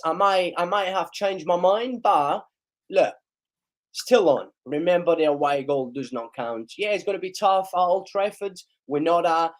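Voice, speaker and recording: The speaker is a young man with a fairly high-pitched voice hosting a live football reaction stream. He's excitable, rasping because his voice is going, and repeatedly encourages viewers to like and share.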